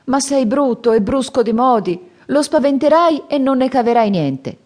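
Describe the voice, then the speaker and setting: A woman's voice: high-pitched, lively intonation, normal speed, a little mellow, voice pushed up. A woman voicing a timid male monk master who speaks in a fearful, fussy way.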